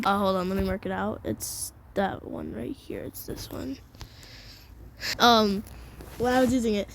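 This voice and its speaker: A young woman giving casual, giggly gameplay commentary, excitable and slangy, with sudden shrieks. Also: on the high side. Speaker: gamer.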